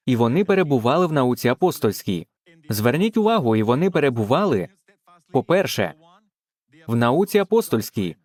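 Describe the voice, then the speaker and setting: Fervent male preacher, lively pitch. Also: no room sound. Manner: fervent, punctuated with exclamations of praise. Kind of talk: dubbed sermon.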